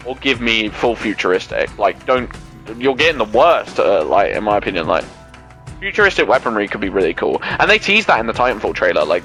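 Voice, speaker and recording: Chatting over gameplay for his gaming channel, a young man with a fairly low-pitched voice goes on animated, meandering rants. He swears a lot and uses plenty of filler words.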